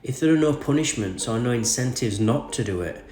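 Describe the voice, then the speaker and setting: A man's voice: medium pitch, animated, a little fast, a little mellow. An English man with a groggy, sore-throated voice from a cold, hosting a news show where he reads articles and comments on them. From England. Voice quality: slightly groggy, congested from a cold. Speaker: podcast host and crypto news commentator. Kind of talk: reading an article aloud with off-the-cuff commentary. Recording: echoey room.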